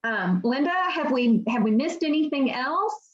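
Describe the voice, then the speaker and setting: A woman's voice: sits high, lively intonation, a little slow. A woman moderating an online event, reading out audience comments with many ums and restarts. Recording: dull lo-fi video call audio.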